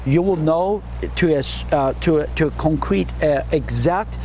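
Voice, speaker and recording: A Turkish man with a Turkish accent, a dean of hospitality, answers quick interview questions earnestly, often repeating words while he hunts for the right phrasing. His pitch is fairly high and his tone darkish, with slight background noise.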